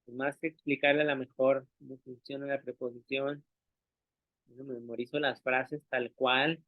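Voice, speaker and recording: A man's voice: mid-range voice, flat delivery, normal speed, no echo. A male teacher gives an explanatory talk to other teachers, patiently checking that listeners follow along and modeling sounds aloud. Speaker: language teacher presenting to teachers. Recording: dry, tinny phone-like sound.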